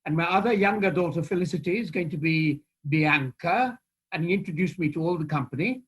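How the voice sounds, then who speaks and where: A man's voice: fairly high pitch, brisk, a bit bright, breathy edge, low-quality recording. An older man from India, an actor, telling a personal anecdote in a theatrical, hesitant storytelling manner. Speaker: actor, interview guest.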